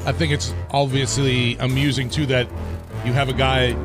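A man's voice: mid-range voice, little pitch movement, normal speed, music in the background. A man co-hosting a sports podcast, loose and jokey, often trailing off mid-thought. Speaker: podcast co-host. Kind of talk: casual sports talk.

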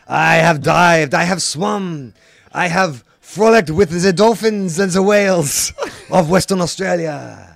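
A man puts on a boozy French retired footballer, pompous and rambling, with a hammy French accent. The voice sits high with a gravelly edge, close and dry. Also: slow, dry recording, exaggerated voice. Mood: pompous drunk. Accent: put-on French. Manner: pompous, tipsy, rambling, bursts of shouting. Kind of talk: comedic podcast bit.

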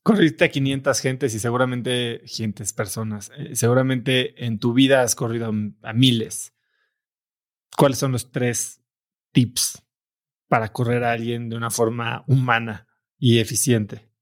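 A man's voice: medium pitch, steady tone, measured pace. A man, an interviewer asking questions and correcting his own wording.

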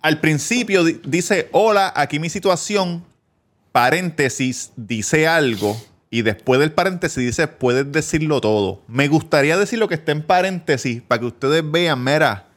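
A man's voice: a little high, animated, normal speed. Joking Puerto Rican man hosting a podcast. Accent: Puerto Rican Spanish. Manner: loud, joking, teasing. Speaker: podcast co-host. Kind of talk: casual crude banter. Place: barbershop.

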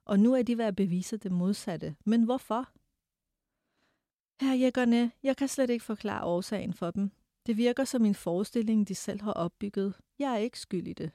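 A man's voice: high voice, gravelly, dark tone, no echo, clean studio sound. A woman reading aloud as a haughty, condescending male suitor who lectures and scorns. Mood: aggrieved.

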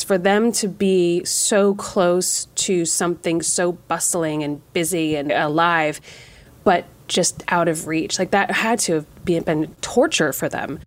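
A woman's voice: fairly low pitch, no echo. A woman hosting a casual podcast chat, reflective and conversational, musing as she talks.

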